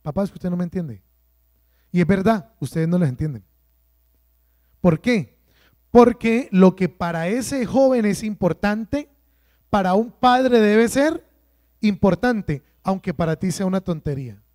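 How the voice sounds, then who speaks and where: Priest, high voice, dry recording, emphatic sermon full of questions to the flock. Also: male voice, expressive, darkish tone, dry recording. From Colombia. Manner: emphatic preaching with rhetorical questions and slow drawn-out stresses. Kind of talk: sermon at a prayer workshop.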